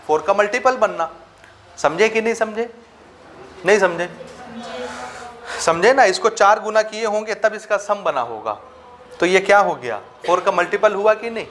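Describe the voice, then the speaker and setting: A man teaching a maths lesson with a Chhattisgarh Hindi accent, often asking if students follow and dictating English terms slowly. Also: sits high, a bit bright, a little hiss or hum. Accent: Hindi-speaking Chhattisgarh. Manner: checks understanding with frequent rhetorical questions. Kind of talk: classroom lecture.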